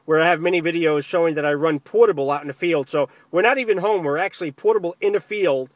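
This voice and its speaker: Out in the field, a man working amateur radio talks over the air and to camera during a ham radio contact, repeating phrases for emphasis. His voice is a little high and he speaks quickly, with no echo.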